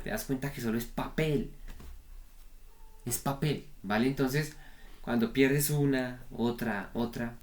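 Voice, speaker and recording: Frank man coaching traders. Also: medium pitch. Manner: frank, repetitive, peppers talk with "¿vale?". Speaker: trading coach. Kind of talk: spoken lesson on trader psychology.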